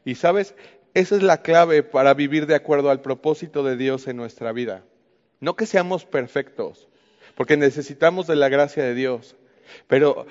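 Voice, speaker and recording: A man with a Mexican accent teaching from the Bible in a conversational way, often asking the listener questions. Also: mid-range voice. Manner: talks to the listener with frequent questions. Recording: muffled with long hall reverb.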